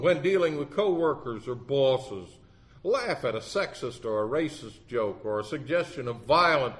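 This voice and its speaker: Animated older man preaching. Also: a little high. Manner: storytelling, wry and earnest. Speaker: lay preacher with a legal background. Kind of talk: sermon.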